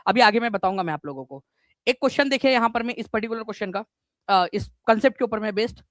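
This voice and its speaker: In a live virtual class preparing students for exams, the teacher, a man, keeps things energetic, repeats points, quizzes the group and drops in English words. His voice sits high, his pace is quick, and there's no echo.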